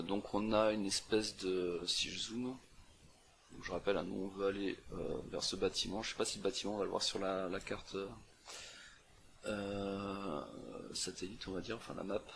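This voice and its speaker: A young man talks through a screen puzzle in a casual, halting way, full of fillers and restarts. His voice sits low with a gravelly fry. A faint noise floor hums under the recording. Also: fairly bright tone. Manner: thinking aloud with many fillers and restarts. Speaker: CTF walkthrough presenter.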